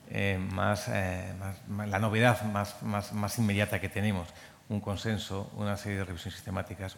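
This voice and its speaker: His voice is lowish and gravelly. This coordinator of a medical training program, from Madrid, rambles through a conference speech, stopping and restarting and echoing his own words, while the conference hall rings with long reverb.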